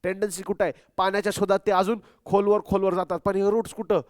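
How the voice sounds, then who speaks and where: A man's voice: sits high, flat delivery, quick pace, no echo, studio quality. A young man teaching a biology class. He keeps asking the students questions and mixes English terms into his speech. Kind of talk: classroom lecture.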